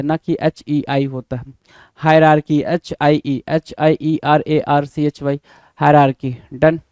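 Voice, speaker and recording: A male exam prep teacher, briskly going through a spelling quiz, spelling each word letter by letter and often saying bhai. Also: a little high, a little mellow, clean tone, no echo. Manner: brisk, repeats and spells words letter by letter, calls listeners bhai.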